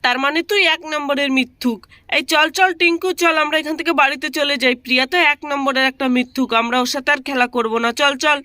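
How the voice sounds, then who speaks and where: A woman's voice: high voice, fast, pushed and bright, no echo, clean studio sound. A woman voicing mocking children in a doll story, taunting a friend.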